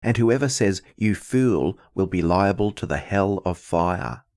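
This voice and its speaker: A man reading the Gospel as a minister in a measured, formal, liturgical style. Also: deep voice, animated, darkish tone.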